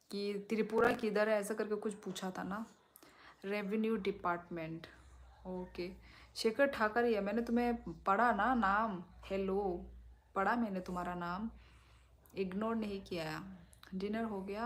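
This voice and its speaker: A young woman from Tripura chatting casually on a phone live stream at home at night, reading viewers' comments and talking softly so she won't disturb the neighbours. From Tripura, India. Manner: chatty, sways while talking, lowers voice to keep it down. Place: small room at home at night. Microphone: phone held or propped close.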